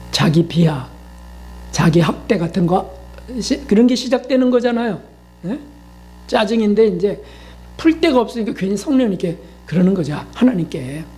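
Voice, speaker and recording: A man's voice: high-pitched, animated, measured pace, pauses often, mellow. Conversational Korean male pastor preaching. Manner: conversational, asks the congregation questions; acts out quoted voices. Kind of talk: sermon.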